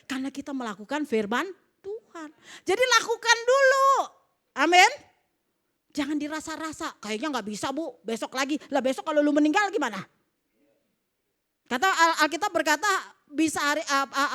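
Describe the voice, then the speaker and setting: High-voiced woman pastor preaching. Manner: animated preaching, calls for amens, acts out dialogue. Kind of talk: sermon. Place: church service.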